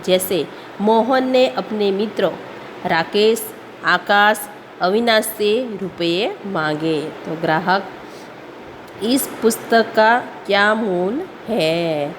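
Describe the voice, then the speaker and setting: Woman teacher, slow measured grammar lesson, mixes English terms, reverberant room. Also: mid-range voice. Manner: slow, deliberate reading with frequent pauses and rhetorical questions; mixes English words into Hindi explanation. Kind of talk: explaining a Hindi grammar lesson. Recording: long reverb, faint ambient noise.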